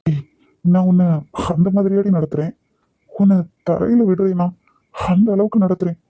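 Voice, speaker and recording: A man's voice: high-pitched, normal speed, dry recording, phone-quality sound. A man voicing an earnest, possessive young husband in a cartoon love story. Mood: insistent. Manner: earnest, insistent, emotional.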